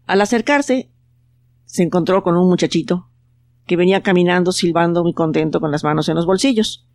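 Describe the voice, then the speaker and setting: A storyteller, reading a children's tale in a calm, unhurried way. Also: medium pitch. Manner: calm, unhurried telling with plain quoted voices. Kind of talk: storybook narration.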